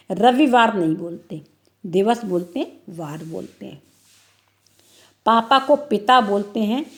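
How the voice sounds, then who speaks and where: A woman's voice: medium pitch, darkish tone. Woman teacher explaining a lesson. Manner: explains step by step, repeating answers. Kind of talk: online class lesson.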